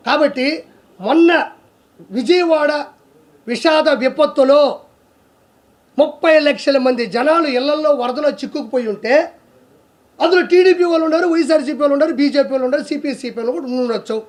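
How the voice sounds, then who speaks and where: A man's voice: very high voice, fairly quick, pauses often. A man delivering a heated, accusing political rant, full of scornful rhetorical questions. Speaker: political commentator.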